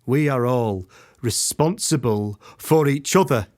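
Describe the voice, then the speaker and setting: A man playing a grave, stern inspector who delivers a slow, solemn warning in a dramatic monologue. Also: medium pitch, voice pushed up, lightly acted. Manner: slow, solemn, rising to forceful.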